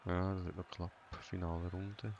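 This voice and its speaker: Brief: deep, gravelly male gamer, flat emotionless monotone, game audio clearly underneath. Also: moderate pace, dull audio, a little hiss or hum. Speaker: gamer playing a racing manager game. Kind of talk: let's play commentary.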